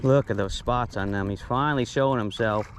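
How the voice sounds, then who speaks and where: A man giving excited running commentary while fishing outdoors from a kayak, exclaiming and repeating short phrases. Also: medium pitch, brisk. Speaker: fishing vlogger. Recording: noisy outdoor water and kayak ambience. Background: water and outdoor noise.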